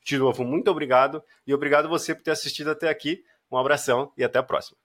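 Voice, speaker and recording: A Brazilian man hosting a podcast casually, with a hoarse, duck-like voice from a cold. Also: a little high, steady tone, very fast, fairly bright tone. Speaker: podcast host.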